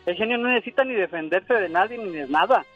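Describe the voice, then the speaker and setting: A man, a radio co-host telling a juicy story in a gossipy, animated way and laughing often. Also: sits high, quick pace, highs cut off, faint music behind. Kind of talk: casual radio chat, storytelling.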